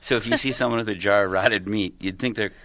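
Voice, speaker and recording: A man's voice: on the low side, fast talker, a bit bright, no room sound. A man hosting a casual podcast, asking teasing questions, joking crudely and swearing. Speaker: podcast host.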